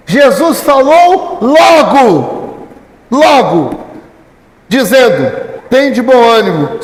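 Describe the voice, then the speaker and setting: Brazilian man, pastor, fiery sermon, shouted refrains, names congregants, long reverb of a large room. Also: extremely high pitch. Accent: Brazilian Portuguese. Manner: addresses congregation members by name, builds to shouted repetitions.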